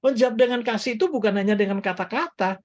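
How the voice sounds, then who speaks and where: An older man giving a lively sermon as a guest speaker at a church service, asking his listeners questions and swinging between loud exclamations and quiet asides. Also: high voice, quick pace.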